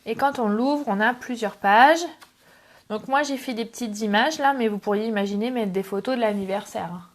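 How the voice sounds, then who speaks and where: Speaking at a moderate pace in a higher-pitched voice, a middle-aged woman runs a relaxed live craft session. She chats between steps, welcomes viewers by name and drops self-deprecating remarks. A camera on a tripod captures her.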